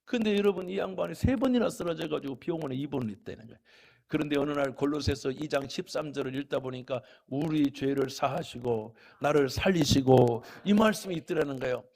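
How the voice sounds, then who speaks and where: A middle-aged man preaching a church sermon, telling folksy stories and swinging between loud calls to the congregation and quiet, chatty asides. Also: a little high, a little fast, creaky. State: a little unwell. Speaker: pastor.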